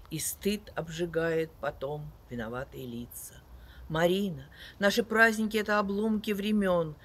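An older woman reciting verse outdoors in a dramatic declamatory style, measured and expressive, swelling on key words and letting line endings fall. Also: on the low side. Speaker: poet reciting another poet's verse. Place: outdoors in a leafy garden beside a wooden house and on wooded paths.

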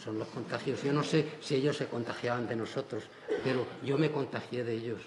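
A man's voice: medium pitch, fairly even intonation, fairly quick, a crowd in the background. An older man, a painter speaking on a panel in a large auditorium, who chuckles often and restarts his phrases. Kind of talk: panel discussion.

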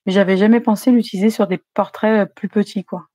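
A woman's voice: mid-range voice, steady tone, fast, dark tone, dry recording. A woman hosting a live stream, chatting casually and greeting viewers as she reads the chat.

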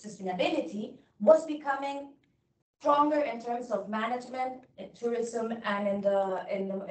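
A woman's voice: a little high, slight background noise. Chilean woman presenting in an echoey room. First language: Spanish. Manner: hesitant with many fillers and apologetic restarts. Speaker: guest lecturer. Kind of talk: academic presentation over video call. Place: indoor room. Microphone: laptop microphone on video call. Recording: echoey room audio, distant from the mic.

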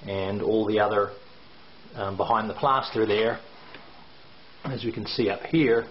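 A middle-aged man with a fairly low pitch and fairly even intonation speaks unhurriedly as the contractor on a video tour of a renovation, explaining construction details hesitantly with many fillers. The handheld camera mic captures him in a bare brick basement indoors, with echoey, dull lo-fi sound and a faint hiss.

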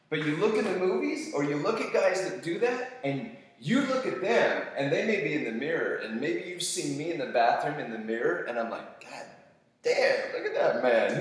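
Enthusiastic man in a very echoey room. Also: a little high. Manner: enthusiastic, animated, acts out voices when quoting. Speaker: teacher giving a fitness talk. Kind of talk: casual motivational talk to students.

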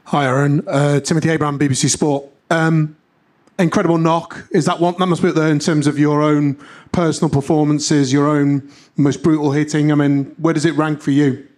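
A male sports reporter with a slightly high voice that barely moves in pitch. He asks a brisk, direct question at a press conference. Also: flat delivery, a little mellow.

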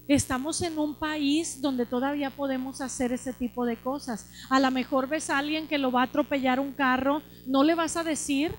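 A woman's voice: sits high, a little hiss or hum. A woman preacher, delivering an urgent sermon full of repeated exhortations. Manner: urgent, repeats exhortations, acts out quoted voices.

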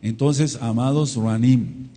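Taking it slowly, a congregation teacher with a Mexican Spanish accent speaks in a mellow mid-range voice and steady tone. His Torah study sounds like a sermon, with emphatic repetition and shouts of amen and hallelujah, recorded in a hall with long reverb.

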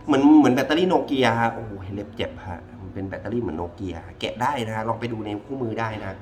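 This product reviewer has a lowish, expressive voice and talks fast. He goes through a gadget hands-on in a casual, informal way, repeating himself as he shows each step, with clearly noisy ambient sound in the background.

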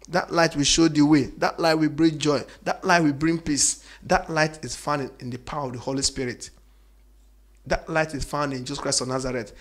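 A man preaching emphatically, repeating phrases and swinging between loud declarations and quiet asides. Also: mid-range voice. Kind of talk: preaching monologue.

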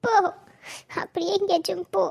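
Woman voicing a very high-pitched young wife, hurt and fierce. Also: steady tone, moderate pace, gravelly, a little mellow, no echo, exaggerated voice. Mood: tearful, reproachful. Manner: teasing then tearful, reproachful. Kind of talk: cartoon drama voice acting.

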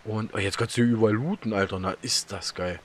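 A man's voice: lowish voice, fairly even intonation, a little fast, a little hiss or hum. A man with a German accent giving casual let's-play commentary, rambling and telling stories with many fillers and laughs. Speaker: gaming YouTuber.

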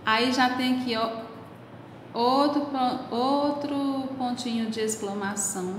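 A woman's voice: fairly high pitch, slow pace, slight background noise. A woman teaching a recorded lesson to young pupils, explaining step by step in a patient and affectionate way. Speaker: primary school teacher. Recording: very echoey room with long reverb.

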